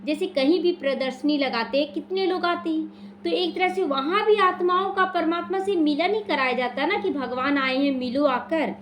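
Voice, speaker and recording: In a small prayer hall, an Indian woman teaches a devotional class on the daily murli, explaining scripture and answering her own questions. Her voice sits high and fairly bright at a normal speed, with slight background noise.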